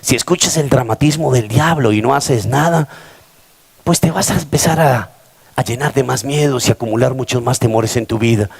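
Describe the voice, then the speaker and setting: A Colombian pastor in his fifties preaches to his congregation in a husky, gravelly voice of middle pitch. His delivery is dramatic, with big swings in pitch and regular calls out to the church. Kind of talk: sermon. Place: church service before a congregation.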